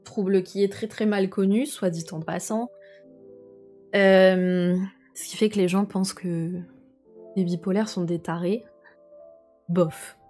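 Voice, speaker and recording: A young woman talks to her live-stream viewers in a loose, rambling way, stopping to answer chat messages. Her pitch sits in an ordinary middle range. A faint guitar plays softly behind her. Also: fairly even intonation, takes it slowly, pauses often.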